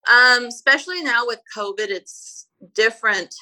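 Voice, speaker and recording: In a low-quality recording, a woman with a slightly high, sharp-toned voice speaks at a moderate pace. She is Brazilian, a first-language Portuguese speaker, and a private flight attendant sharing stories in a casual interview, hesitant and full of fillers and restarts.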